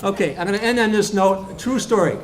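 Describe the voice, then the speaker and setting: A man with a fairly high voice tells jokes at a tribute roast, firing off stories one after another. He breaks in with quick asides to the crowd. Faint room chatter hums behind him. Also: a little hiss or hum. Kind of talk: stand-up style joke telling at a tribute. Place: bar event room.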